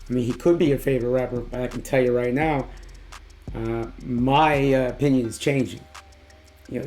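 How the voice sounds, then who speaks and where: A man with a hoarse, tired voice giving a casual, excited music reaction in slangy, emphatic talk. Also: mid-range voice. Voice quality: hoarse, worn-out voice from losing it. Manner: slangy, emphatic, drawn-out exclamations. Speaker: music reaction video host.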